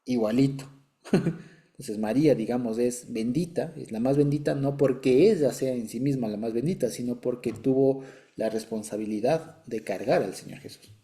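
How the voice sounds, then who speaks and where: A man with a very deep, mellow, warm voice leads a conversational Bible lesson. He explains patiently, checks in often with short asides to his listeners, and chuckles lightly along the way. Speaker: Bible study teacher.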